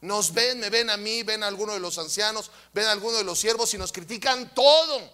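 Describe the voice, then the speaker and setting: A man with a Mexican Spanish accent, preaching a sermon who acts out voices and then shouts at the congregation. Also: high-pitched, a little fast. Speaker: pastor.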